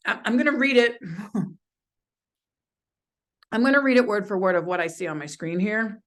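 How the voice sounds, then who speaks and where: A woman's voice: medium pitch, animated, normal speed. A woman in her fifties gives casual, blunt, opinionated commentary as she reacts to a video.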